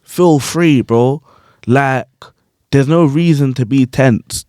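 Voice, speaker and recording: A man's voice: medium pitch, takes it slowly, no room sound, clean studio sound. Slangy man hosting a podcast. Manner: animated, slangy, repeats "you get what I'm saying". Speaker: podcast host and grime MC. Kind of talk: casual chat.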